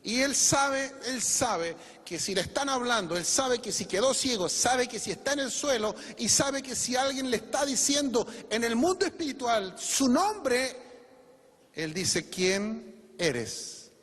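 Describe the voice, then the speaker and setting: A man's voice: very high voice, animated, unhurried, a bit bright, husky. A male pastor preaching a sermon to his congregation, pressing home his points with rhetorical questions. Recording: long reverb of a church hall.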